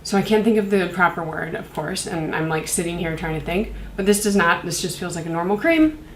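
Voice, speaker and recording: A woman's voice: on the low side, lively intonation, a little fast, roomy sound, slight background noise, rough recording. A young woman with a congested voice from a cold, chatting casually and rambling with many fillers as she reviews skincare. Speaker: beauty reviewer. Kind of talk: casual product review vlog.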